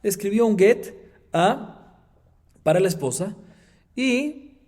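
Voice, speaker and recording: A man, a rabbi, teaching a Talmud class, explaining the text in an animated way with emphatic highs and chanting the Aramaic passages. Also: slow pace. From Colombia.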